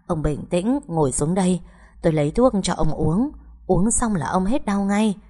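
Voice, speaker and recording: A woman's voice: on the low side, lively intonation, normal speed, dark tone. A woman reading as a weary, steadfast village mother. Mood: anxious, soothing. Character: worried middle-aged village mother, tough and caring.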